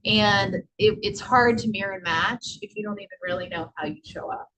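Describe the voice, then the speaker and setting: A woman's voice: medium pitch, normal speed, a bit bright, slight background noise, poor audio. A woman presenting a casual office training session, talking loosely and rambling with many fillers. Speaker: workshop presenter.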